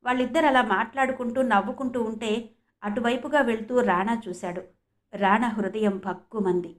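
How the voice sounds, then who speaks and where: A woman from Andhra Pradesh narrating an audio novel in a steady, expressive storytelling voice. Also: fairly high pitch, normal speed. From Andhra Pradesh, India.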